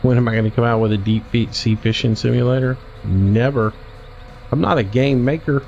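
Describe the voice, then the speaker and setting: A man streaming a game and casually answering chat questions in a relaxed, drawling way. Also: mid-range voice, fairly quick, gravelly. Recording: dull lo-fi stream audio with faint vehicle noise.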